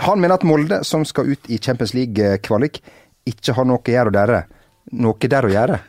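A man's voice: mid-range voice, expressive, a little mellow, no room sound, studio quality. A man hosting a casual football podcast, moving the talk along with many hesitant fillers. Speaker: podcast host. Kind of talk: casual sports chat.

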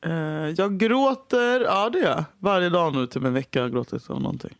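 A young adult woman co-hosting a podcast in casual chat, animated and swearing freely, laughing often. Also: sits low, creaky, no echo, clean studio sound. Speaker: podcast co-host.

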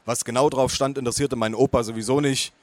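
Guy narrating an audiobook, calm n measured, a bit wry, dry close mic. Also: medium pitch, no echo. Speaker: audiobook reader. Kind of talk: first-person audiobook narration.

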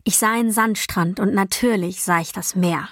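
A woman reading a first-person novel as an audiobook, in a calm, even storytelling voice with quiet dialogue voices. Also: mid-range voice, normal speed, dry recording, clean studio sound. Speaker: audiobook narrator. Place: dry recording booth. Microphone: close studio mic.

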